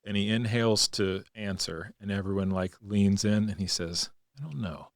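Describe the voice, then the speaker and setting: A man co-hosting a podcast, telling stories in a relaxed conversational way and acting out the quotes. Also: lowish voice, normal speed, no echo, studio quality. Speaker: podcast co-host. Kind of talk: reflective conversational storytelling.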